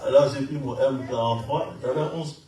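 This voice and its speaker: A man's voice: medium pitch, a little fast, background noise. Young man telling his testimony, echoey. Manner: lively storytelling, casual street slang. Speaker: church member giving testimony. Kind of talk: personal testimony to a congregation. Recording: echoey room, distant mic, faint ambience.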